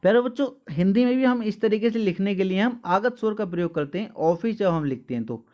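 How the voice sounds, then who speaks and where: High-voiced man teaching a class, lo-fi. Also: animated, brisk, dark tone. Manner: repeats questions and answers them himself; addresses listeners as dear children. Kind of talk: exam-prep lesson.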